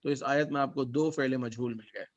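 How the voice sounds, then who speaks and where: A man teaching Quranic Arabic as a class lesson, reciting verses slowly and then explaining them word by word. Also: medium pitch, fairly even intonation. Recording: dull lo-fi recording.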